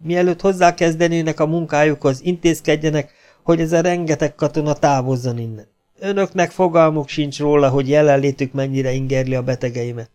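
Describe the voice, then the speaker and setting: A man's voice: a little high, steady tone, a little mellow, clear, resonant tone, pitched above the performer's own voice, close to an everyday voice. Man voicing a fussy formal chief physician. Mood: relieved.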